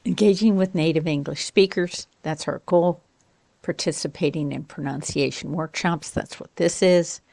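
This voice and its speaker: A woman teaching an online pronunciation lesson as an accent coach, in a slow, deliberate, encouraging way. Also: deep voice, vocal fry, darkish tone, dry recording.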